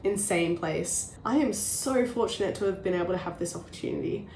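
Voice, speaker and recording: Woman, low-pitched and gushing, recorded in an echoey room. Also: brisk, darkish tone, slight background noise. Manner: enthusiastic, gushing. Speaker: former exchange student. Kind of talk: casual interview answers.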